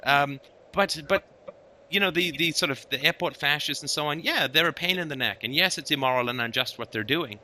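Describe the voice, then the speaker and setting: A man with a very bright, sharp voice hosts a relaxed but emphatic conversation. He keeps checking in with his listener, punctuating his points with "right?" as he builds an argument. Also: a little high, brisk. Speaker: host. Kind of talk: casual philosophical conversation.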